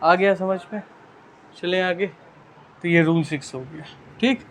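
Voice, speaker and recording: A male teacher with a Hindi accent and a fairly high voice talks students through a grammar lesson. He coaxes them along by posing questions and answering them himself, and he checks in with "theek hai" again and again. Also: a little slow, a little hiss or hum. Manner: coaxing, asks and answers his own questions; repeats "ठीक है" constantly. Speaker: English teacher.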